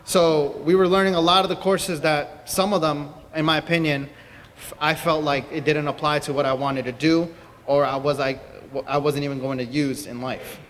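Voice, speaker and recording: An earnest young man from Peru tells his own story to a convention audience, pausing on fillers as he goes. His voice sits a little high and rings with a long reverb from the hall, over a faint background hiss. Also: steady tone, fairly bright tone. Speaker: speaker at a convention. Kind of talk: personal talk to an audience. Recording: distant mic in a reverberant hall.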